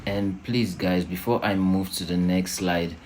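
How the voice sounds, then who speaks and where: Man, low pitch, unhurried delivery, careful explanatory presentation, organisation leader, noticeable background noise. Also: steady tone, a little mellow. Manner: slow, unhurried, deliberate explaining; checks in with "right?". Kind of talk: slide presentation to volunteers.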